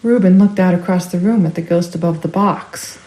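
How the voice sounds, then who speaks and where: A woman storyteller reading a family ghost story aloud, expressive and rising with the action. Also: lowish voice, fairly quick, roomy sound, poor audio. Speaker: storyteller for a library. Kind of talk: scripted ghost story narration.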